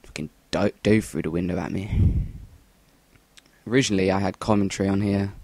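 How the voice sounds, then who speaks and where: A man's voice: sits low, fairly even intonation, brisk, creaky, a little mellow, dry recording. A young English man giving rambling, sweary voice-over commentary on a shooter game into a cheap USB mic. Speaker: gameplay commentator. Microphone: Rock Band USB mic.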